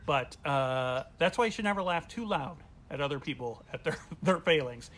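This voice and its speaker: A man's voice: on the high side, normal speed. A male comedian telling a funny personal story at home, acting out the voices of the people in it. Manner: animated, acts out quoted voices. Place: at home during quarantine.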